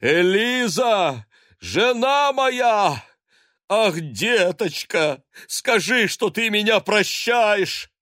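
Man doing old father figure, wailing, self-pitying, theatrical, swooping pitch, dry sound. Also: sing-song, extremely slow, sharp tone, no room sound, exaggerated voice. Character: loud self-pitying aging father of the house.

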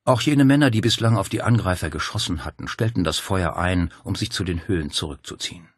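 A man reading a thriller audiobook in a steady, measured storytelling voice. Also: sits low, slightly rough, no echo, clean studio sound. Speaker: audiobook narrator. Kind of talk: scripted narration.

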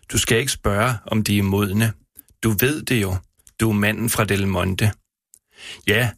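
Gravelly low-voiced man reading aloud. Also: a bit bright, dry recording, studio quality. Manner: halting, repeats words when speaking freely. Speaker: author reading his own work. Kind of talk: reading aloud, then casual radio talk. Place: radio studio.

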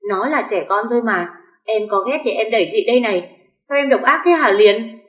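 A woman's voice: medium pitch, normal speed, a little mellow, lightly acted. A woman voicing a scheming young mother who pleads tearfully, in an echoey room. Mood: wailing.

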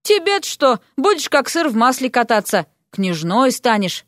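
A woman's voice: high-pitched, big pitch swings, normal speed, fairly bright tone, no echo, studio quality. A woman voicing a naive, resigned young nobleman who muses aloud in a folksy, sighing way in an audiobook. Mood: musing. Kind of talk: audiobook character voice.

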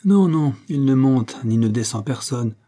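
A man's voice: mid-range voice, animated, a little slow, mellow, pitched above the performer's own voice. A man voicing a stern male detective leading a gang, speaking with commanding scorn. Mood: taunting.

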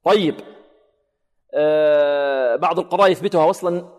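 A man teaching Quran recitation on the radio, with a slightly high voice that rings out in a long reverb. He explains letter sounds in a patient, instructive way and keeps asking his listeners questions he then answers himself. He stretches out and chants example words slowly so that each sound is clear. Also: a little mellow. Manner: didactic, poses rhetorical questions to listeners. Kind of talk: radio tajweed lesson.

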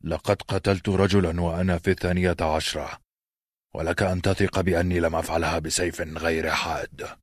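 A man's voice: deep voice, level tone, fairly quick, dry recording, studio quality. A man voicing a bold, eager fourteen-year-old boy in an audiobook.

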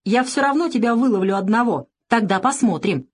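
A woman's voice: a little high, animated, fairly quick, breathy edge, voice pushed up. Woman voicing a defiant young orphan boy. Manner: defiant, furious. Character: defiant ten-year-old orphan boy.

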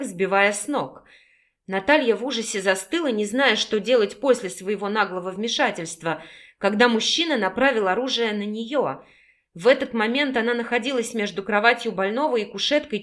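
A woman's voice: on the high side, fairly bright tone. A woman narrating a story aloud, voicing the dialogue of every character herself. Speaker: audiobook narrator.

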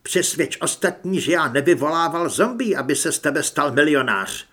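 A man's voice: a little high, expressive, bright, forceful tone, husky, full character voice. A man playing a fanatical chubby occultist. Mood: menacing. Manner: whining and pleading when scared.

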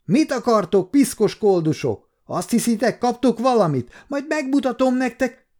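A man reading an audiobook, voicing a fierce but tender old servant woman who shouts shrilly. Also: high voice, big pitch swings, voice pushed up. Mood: furious.

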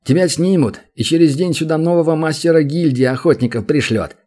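A man's voice: fairly high pitch, a little fast, mellow, pitched above the performer's own voice, close to an everyday voice. A man voicing a whiny little goblin. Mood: whiny, pleading. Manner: rude, whining and pleading. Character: small, rude, whiny male goblin guild master.

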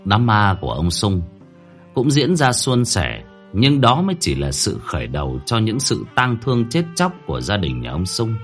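A man's voice: lowish voice, big pitch swings, a bit bright, faint music behind. Man narrating a dramatic horror tale. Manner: dramatic, slowing at tense moments. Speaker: storyteller.

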